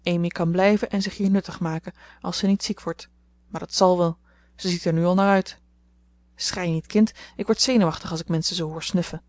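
A woman voicing a sharp-tongued, grumpy old aunt who speaks in a snappish, scolding way. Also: on the low side, fairly even intonation, brisk, no echo, close to an everyday voice.

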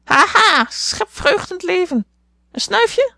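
A woman's voice: extremely high pitch, sing-song, slow, vocal fry, bright, forceful tone, dry recording, pitched above the performer's own voice, full character voice. A woman voicing a cheeky old parrot with a screeching, squawking delivery, in a storybook reading. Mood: shrieking.

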